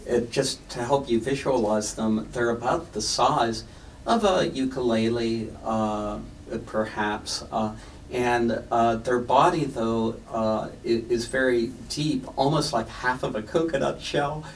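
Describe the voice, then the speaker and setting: A man's voice: medium pitch, unhurried, recorded from a distance, slight background noise. A man hosting a radio interview, talking hesitantly with many fillers. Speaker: radio host. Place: children's museum radio studio.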